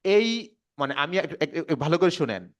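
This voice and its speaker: A man with a Bangladeshi accent teaching English pronunciation to a class, repeating words slowly and quizzing the students. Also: fairly high pitch, big pitch swings. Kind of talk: classroom lesson. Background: students responding.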